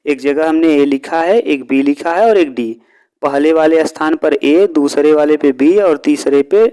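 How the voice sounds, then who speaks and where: Guy teacher w a fairly high voice, walks through each step, asks then answers himself. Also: mellow. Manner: asks and answers his own questions. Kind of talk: step-by-step lesson explanation.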